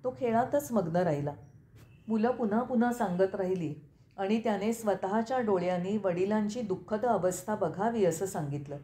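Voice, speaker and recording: A woman narrating a scripture story in a steady, measured reading voice. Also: mid-range voice. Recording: echoey room with faint ambience.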